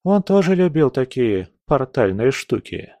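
A man voicing a calm, mocking young male mage in an audiobook. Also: mid-range voice, measured pace, no echo, voice pushed up. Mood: evasive.

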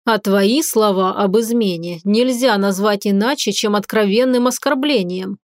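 A stern dragon lord and husband, as a woman reader puts him on, lecturing in slow, weighty, commanding tones. Clean, dry audiobook sound with no room around the voice. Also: medium pitch, no room sound, natural voice.

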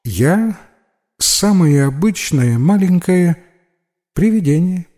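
A man voicing a shy, kind little ghost boy who stammers in a thin, high voice. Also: animated, slow pace, warm tone. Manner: timid, polite, easily upset. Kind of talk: audiobook character voice.

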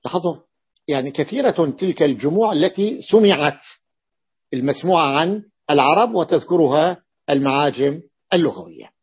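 A man's voice: on the high side, expressive, a little fast, breathy edge, muffled recording. A man teaching Arabic morphology to a class, explaining a classical text, repeating each example and checking that students follow.

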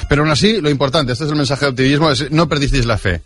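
Quick sarcastic man. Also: medium pitch, music in the background. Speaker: comedy radio host. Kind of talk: improvised comedy sketch.

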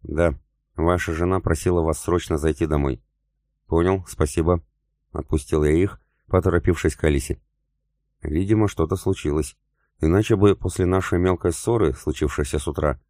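Male narrator with a very deep voice, calm and even delivery, dry studio sound, for a first-person audiobook. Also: no room sound.

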